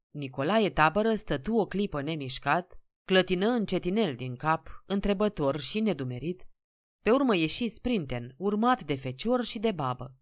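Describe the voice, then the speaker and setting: Low-voiced woman reading a story. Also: no echo, clean studio sound. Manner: steady, expressive storytelling. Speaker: narrator. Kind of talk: audiobook reading of a classic story.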